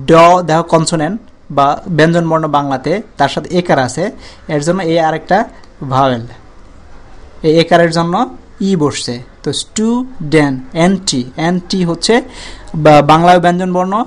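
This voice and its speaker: A man teaching a grammar lesson, drawing words out slowly to break them into syllables, with frequent pauses and restarts. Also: a little high. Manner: repeats and stretches words slowly to show syllables.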